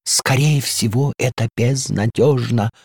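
A man's voice: mid-range voice, measured pace, gravelly, darkish tone, breathy edge, no echo, clean studio sound, voice pushed up. A man voicing a fussy, know-it-all female door handle in a storybook reading, prim and insistent, sometimes dropping to a tragic whisper.

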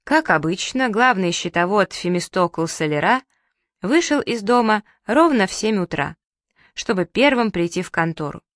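Calm woman reading a storybook. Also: medium pitch, moderate pace, dry recording, clean studio sound. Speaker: narrator.

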